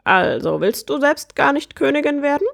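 A woman voicing a croaking, joke-loving male bird prince in a storybook reading, with a cheerful, joking manner. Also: high-pitched, big pitch swings, normal speed, fairly bright tone, voice pushed up, exaggerated voice. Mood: jokey. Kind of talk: storybook character voice.

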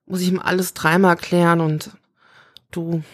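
A woman voicing a young female cook who is ironic and worn out, speaking slowly and hesitantly in an audiobook. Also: lowish voice, level tone, no room sound, studio quality, natural voice. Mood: despairing. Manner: slow and hesitant.

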